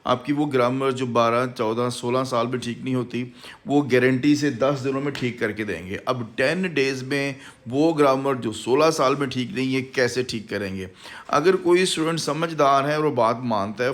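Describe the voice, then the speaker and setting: A man with a Pakistani Urdu accent, an English course instructor giving a confident, salesy promotional talk that mixes in English words. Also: mid-range voice. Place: language institute.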